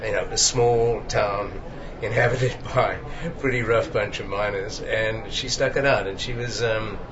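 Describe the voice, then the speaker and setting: A man's voice: on the low side, fairly even intonation, unhurried, crowd noise. Older man reminiscing. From Zambia. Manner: thoughtful, hesitant, with many fillers. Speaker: cardiologist guest. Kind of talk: reflective conversational interview. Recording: dull, noisy conference recording.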